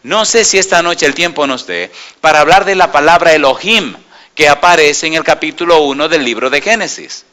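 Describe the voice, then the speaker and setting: A man's voice: a little high, lively intonation, normal speed. A man preaching a sermon to a congregation, asking them yes-or-no questions and telling stories with quoted dialogue. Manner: asks the congregation call-and-response questions; storytelling with quoted dialogue, swings from loud to quiet.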